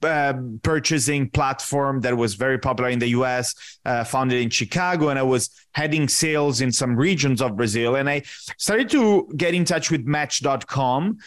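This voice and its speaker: A man in his thirties from Italy, a podcast guest answering questions in a relaxed way, often pausing with fillers as he searches for words. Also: mid-range voice. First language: Italian. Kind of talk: casual interview answers.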